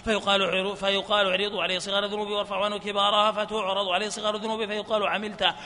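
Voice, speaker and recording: A man reading hadith chains aloud at a study session, in a rapid, flat recital. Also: sits high. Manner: reads fast in a flat chant, laughs softly at times. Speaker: hadith reader. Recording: reverberant hall with faint noise.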